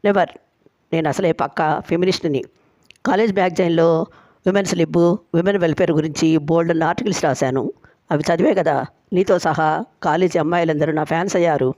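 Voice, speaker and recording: A woman's voice: low voice, brisk, a little mellow, no room sound, close to an everyday voice. A woman storyteller voicing a boastful, playful young man who agrees to every condition.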